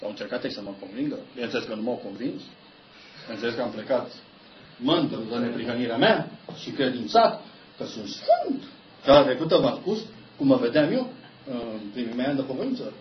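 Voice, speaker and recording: Lively man preaching in an echoey hall. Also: mid-range voice, a little hiss or hum. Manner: animated storytelling, self-mocking. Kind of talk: sermon. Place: church meeting room. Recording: echoey church hall, dull lo-fi sound.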